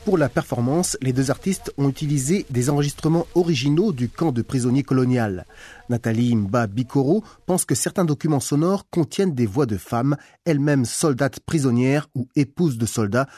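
Mellow-voiced male radio narrator. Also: medium pitch, slightly rough, no echo. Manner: measured, formal reading. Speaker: radio magazine host and narrator. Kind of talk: scripted news narration.

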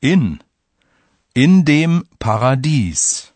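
A speaker reading short language-course examples with deliberate enunciation. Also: mid-range voice, very animated, darkish tone, no echo.

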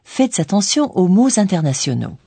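A woman narrating a scripted language course in a didactic way, pausing on key words. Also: medium pitch, sing-song, vocal fry, dark tone, a little hiss or hum. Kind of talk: scripted bilingual explanation.

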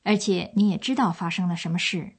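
A woman's voice: fairly low pitch, fairly quick, husky. A woman presenting a language course with scripted, explanatory storytelling narration.

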